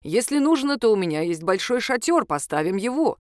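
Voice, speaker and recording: A woman doing an older grandfather in an audiobook, soft and fond. He chides a little but stays gentle, and his voice moves up and down with life. The sound is dry and close, with no room around it. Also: a little high, big pitch swings, fairly quick, no room sound. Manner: gentle, mildly scolding. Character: older grandfather, kindly, embarrassed. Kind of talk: audiobook character voice.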